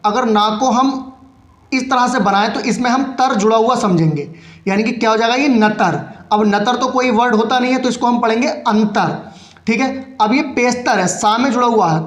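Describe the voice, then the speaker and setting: A man giving a patient step-by-step lesson in shorthand, explaining each stroke as he writes it. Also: very high voice. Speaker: shorthand teacher. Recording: echoey room.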